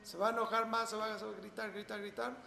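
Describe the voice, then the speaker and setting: A man's voice: high-pitched, little pitch movement, brisk, gravelly, pushed and bright, roomy sound, big-room sound, slight background noise. A man with a Rioplatense accent teaching a Torah lesson, asking rhetorical questions and then answering them emphatically. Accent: Rioplatense Spanish. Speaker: religious teacher. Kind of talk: Torah lesson to a small audience.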